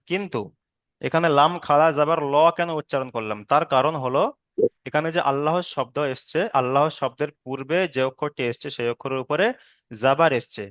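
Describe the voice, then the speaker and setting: A man teaching Quran recitation rules in a patient online lesson, explaining slowly, checking in with students, and drawing out chanted examples. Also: on the high side, a bit bright, no room sound, clean studio sound. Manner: drawn-out chanted Arabic examples.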